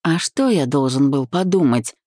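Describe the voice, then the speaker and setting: Cold, cutting young man, low and dark-toned, read by a woman. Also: animated, moderate pace, dry recording, studio quality. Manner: sarcastic, cutting. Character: young man, first-person hero, cold and accusing.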